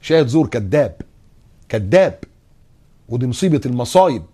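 Man, egyptian accent, religious tv lesson, quick delivery, animated. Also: medium pitch, husky. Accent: Egyptian Arabic. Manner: animated, acts out scenes and recites slowly. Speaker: preacher. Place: TV studio.

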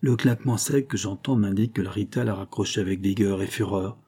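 Low husky male crime narrator. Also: brisk, mellow. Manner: colloquial, wry slangy delivery. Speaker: audiobook narrator. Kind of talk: first-person crime novel narration.

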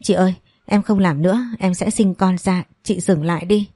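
A woman's voice: lowish voice, moderate pace, mellow, dry recording, clean studio sound. A woman voicing an anguished young pregnant woman, in a storybook reading. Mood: desperate. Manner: anguished, apologetic.

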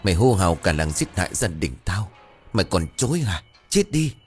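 A man voicing the vengeful ghost of a woman, sharp-tongued and cold, swinging between crying and laughing. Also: low-pitched, sing-song, a little fast, over music. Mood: vengeful wailing. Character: shrill vengeful female ghost, weeping and laughing.

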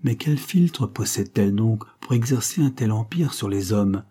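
A man reading the part of an earnest, proud young duchess in a storybook, with a pleading, gentle delivery in his husky voice. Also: on the low side, lively intonation, moderate pace.

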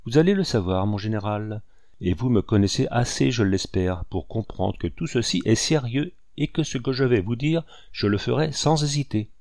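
A man reading aloud voices a calm, resolute male hunter who speaks coolly and firmly. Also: mid-range voice, no echo, clean studio sound, lightly acted. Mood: cold. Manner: cool, firm and measured.

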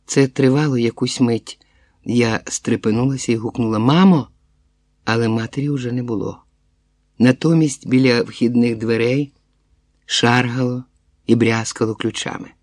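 A man reading a literary short story aloud in a measured, steady way. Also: mid-range voice, no room sound, studio quality. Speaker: audiobook reader. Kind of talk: literary narration.

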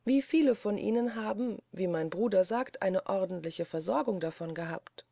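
Worried young woman, earnest, mellow warm tone, dry room, voiced by the narrator. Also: medium pitch, normal speed, vocal fry, no room sound. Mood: troubled. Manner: earnest, reproachful. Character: uneasy young woman, the doctor's sister. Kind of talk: audiobook character voice.

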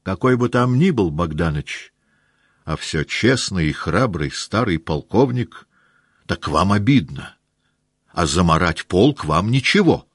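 A gruff old staff-captain from an audiobook, scolding a young officer with fatherly reproach. A man acts him out, low and slow, with a husky edge and a dry, close sound. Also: expressive, no room sound, exaggerated voice. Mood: reproachful. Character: old blunt cavalry staff-captain, stern and honest.

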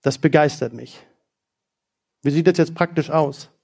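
A middle-aged man preaching a sermon, telling personal stories in a lively, personal way. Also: fairly high pitch, a little slow, gravelly.

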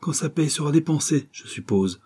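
A man's voice: a little high, lively intonation, normal speed, mellow, husky, pitched above the performer's own voice. A man voicing a weary, tearful working wife who speaks plaintively and weakly. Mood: tired. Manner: plaintive, sighing, weak.

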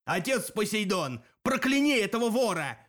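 A huge, wounded male cyclops howls in long, dragged-out words, voiced by a man reading an audiobook. The voice sits far above the reader's own and stretches slowly, with an unfamiliar, strained timbre. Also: sing-song, fairly bright tone. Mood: raging. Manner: howling, drawn-out, strained high voice. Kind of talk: audiobook character voicing.

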